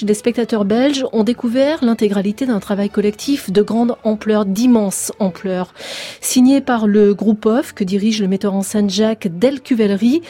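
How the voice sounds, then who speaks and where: A woman's voice: fairly high pitch, dark tone. Formal, emphatic woman radio host. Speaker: radio theatre show host. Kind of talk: scripted radio introduction and interview. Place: radio studio.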